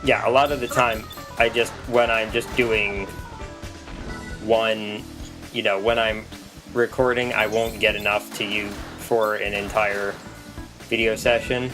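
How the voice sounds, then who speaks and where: A man casually commenting on a video game he is playing, rambling with pauses and restarts. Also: on the low side, little pitch movement, over music. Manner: rambling, full of ums and restarts. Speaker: let's play commentator.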